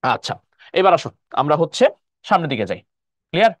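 A man's voice: fairly high pitch, sing-song, quick pace, no echo, studio quality. A man teaching a live online math lesson in Bangladeshi Bengali, explaining step by step and often checking whether students follow. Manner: explains step by step, keeps asking "clear?".

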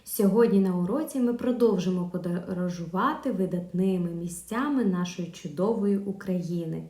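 A woman teaching a video lesson to young pupils, speaking clearly with pauses for answers and a sing-song teacher manner. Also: fairly low pitch, dark tone. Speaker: primary school teacher. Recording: echoey room.

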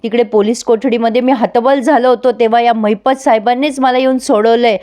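A woman's voice: a little high, fairly even intonation, a little fast, warm tone, lightly acted. A woman voicing a stern middle-aged father scolding his son. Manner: scolding, bitter.

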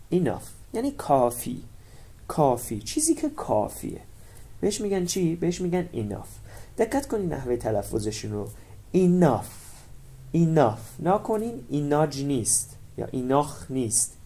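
A male teacher with a Persian accent walks through an English grammar lesson. His voice swings widely in pitch as he stresses and repeats each English word. His tone is dark and mellow. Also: slightly rough. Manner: animated, stresses and repeats English words for pronunciation.

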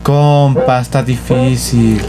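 A man's voice: medium pitch, fairly even intonation, slow pace. A man commentating a horror game, nervous and jumpy, yelping and muttering prayers and dropping English slang. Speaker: gamer. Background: game music.

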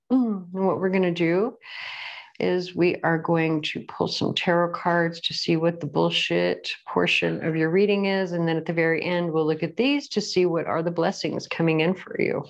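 A woman with a somewhat low voice talks her viewers through a casual tarot reading at home. She rambles in a chatty way and keeps breaking off to apologize. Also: normal speed, highs cut off. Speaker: tarot reader. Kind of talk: casual pick-a-card reading. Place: at home with a pet bird.

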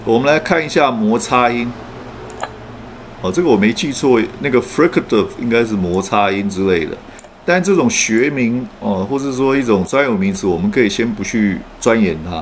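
A man teaches English sounds in an online class, and his pitch rises and falls a lot as he explains. He uses frequent "oh" fillers and says each sample word slowly and carefully. A faint hiss of room noise sits under his voice. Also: animated. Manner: explains patiently with frequent "oh" fillers, then models words slowly. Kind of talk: online pronunciation lesson.

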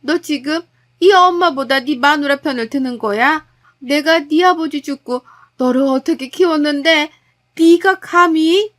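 A woman voicing a haughty, scolding middle-aged mother-in-law who nags loudly and with contempt. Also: high-pitched, lively intonation, normal speed, voice pushed up. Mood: outraged. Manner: nagging, contemptuous, loud.

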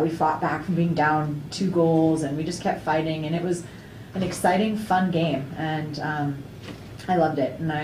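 A young woman, a soccer player, answering questions at a post-game press conference in a chatty, upbeat way, full of fillers and quick laughs. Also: deep voice, a little mellow. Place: indoor press room before a sponsor backdrop. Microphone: table mic on a stand, camera at a distance. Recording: echoey room, distant mic, faint noise.

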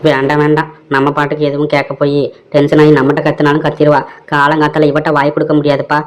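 A man's voice: on the high side, completely flat delivery, quick pace, close to an everyday voice. Cartoon comedy: a man playing a middle-aged father with a Tamil accent, wry and easygoing, muttering asides.

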